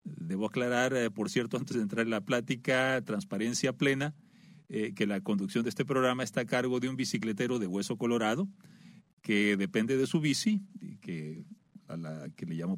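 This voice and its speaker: A man's voice: fairly low pitch, dry recording. A man hosting a radio talk show, conversational and full of "eh" fillers. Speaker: radio host.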